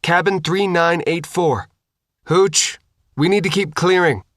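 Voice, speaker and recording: Brisk young soldier woman done by a man, loud clipped radio orders, higher voice. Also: no room sound, studio quality. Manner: clipped, commanding radio calls.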